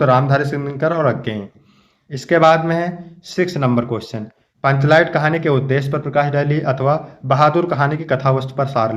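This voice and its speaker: A man from Uttar Pradesh teaching an exam-prep lesson, explaining each line and fondly addressing his students. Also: fairly high pitch. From Uttar Pradesh, India. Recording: slightly dull, lo-fi sound.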